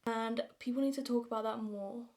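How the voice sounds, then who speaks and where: Her voice is a little high and darkish, fairly quick and fairly even in intonation. She is a nineteen-year-old vlogger from London, England, with a southern English accent, chatting casually and self-deprecatingly to viewers as she gets ready.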